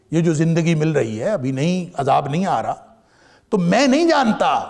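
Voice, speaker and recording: A man with a gravelly, slightly high voice teaches a Quran commentary lesson to a seated audience. He recites each verse and then explains it. He builds to raised emphasis, then drops to a near-hush.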